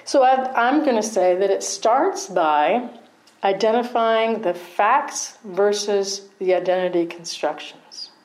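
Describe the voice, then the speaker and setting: Middle-aged woman, meditation teacher, chatty dharma talk, mid pitch. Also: slow, darkish tone, poor audio. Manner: conversational, checks in with "right?", laughs at herself.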